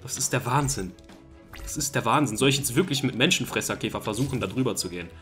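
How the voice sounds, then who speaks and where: A young man hosting a gaming video, giving excitable, exasperated commentary and repeating his phrases over and over. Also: mid-range voice, fast. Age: young adult. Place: indoor gaming room on camera. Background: game music.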